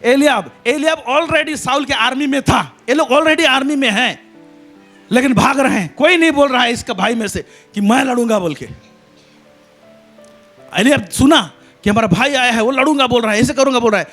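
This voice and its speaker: A man preaches a church sermon in a high, animated voice that leaps and falls. He breaks into loud emphatic calls and hallelujahs, with faint music playing beneath. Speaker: pastor. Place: church service.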